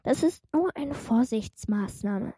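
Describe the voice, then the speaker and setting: Small teasing demon girl, voiced by a woman; slow and dry, close to the mic. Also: on the high side, lively intonation, warm tone, husky, dry recording, full character voice. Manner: teasing, sarcastic. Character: small, cheeky young female demon.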